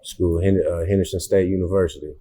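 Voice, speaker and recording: A man's voice: sits low, steady tone, fast, mellow, husky. A young man from Indiana, a rapper, talking casually in an interview with a laid-back, rambling manner and lots of fillers. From Indiana, USA. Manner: laid-back, repeats words, many fillers.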